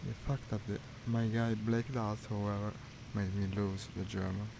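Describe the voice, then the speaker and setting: The voice is fairly low, gravelly and flat, delivered at normal speed. It belongs to a gaming streamer giving wry, half-muttered live commentary as he plays a flight simulator, recorded in noisy stream audio.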